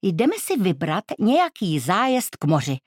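A woman's voice: fairly low pitch, very animated, darkish tone, no echo, studio quality. A woman voicing a decisive middle-aged aunt who speaks firmly and emphatically in a storybook reading. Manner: firm, emphatic.

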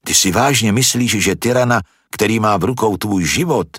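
A man's voice: lowish voice, a bit bright, husky, no echo, studio quality. A man voicing a brash, impatient young man who scoffs and argues, in a storybook reading.

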